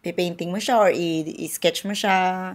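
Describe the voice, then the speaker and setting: A woman's voice: on the low side, steady tone, a little slow. A woman from the Philippines hosting a podcast in a casual, chatty way, laughing often and acting out quotes. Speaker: podcast host. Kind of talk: casual chat.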